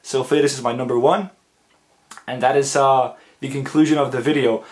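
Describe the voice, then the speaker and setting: A man's voice: medium pitch, fairly even intonation, fairly quick. A man rambles casually to his viewers, tripping over his words and restarting often. He has an ordinary mid-range voice and leans hard on emphatic, crude slang. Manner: stammering, repeats words, frequent fillers. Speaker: anime vlogger. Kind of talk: casual ranking monologue to camera.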